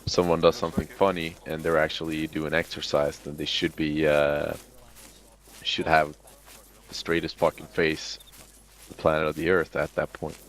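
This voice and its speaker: A man's voice: rumbling low, flat delivery, normal speed. A man chatting with his squad during an online game, dry and blunt, cursing as he talks about drilling recruits. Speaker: gamer who trains recruits.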